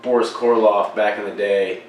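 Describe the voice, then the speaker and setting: Rambling young man, low voice, echoey room. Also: steady tone, moderate pace, background noise. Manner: rambling, swears a lot, many fillers. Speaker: podcast co-host. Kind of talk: casual chat. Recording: echoey room, far from mic, faint music.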